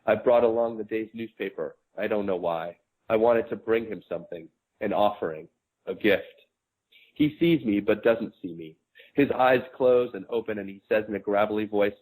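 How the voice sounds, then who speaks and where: A man in his forties, an author, reading his memoir aloud in a measured, quiet, reflective way. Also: fairly low pitch, poor audio.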